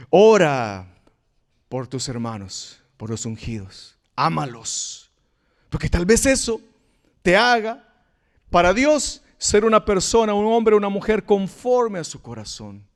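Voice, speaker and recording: A man's voice: high voice, slow, pauses often. A man in his thirties preaching a sermon, telling personal stories and acting out the people in them. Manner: storytelling preacher, animated, acts out quoted people. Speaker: pastor.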